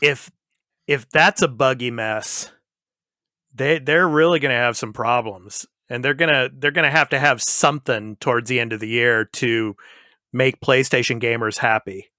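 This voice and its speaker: A man in his fifties chats as host of a gaming podcast. His voice is bright and forward, recorded dry and close. He is laid-back and laughs easily. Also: medium pitch, normal speed, no echo. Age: 50s. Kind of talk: casual chat.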